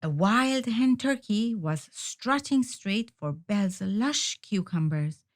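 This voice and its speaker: A woman reads a children's picture book aloud, telling the story in an expressive, deliberate way. Her voice sits at a medium pitch.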